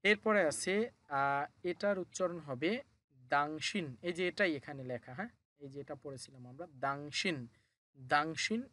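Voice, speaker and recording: Slow, patient male language teacher. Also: on the high side, sharp tone. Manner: slow, repeats and spells out each syllable. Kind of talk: explaining Korean pronouns in a lesson.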